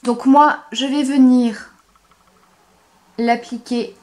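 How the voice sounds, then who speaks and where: A young woman talking through a makeup tutorial, enthusiastic, repeating words for emphasis and pausing with frequent hesitations. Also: a little high, steady tone, a little mellow. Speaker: beauty vlogger.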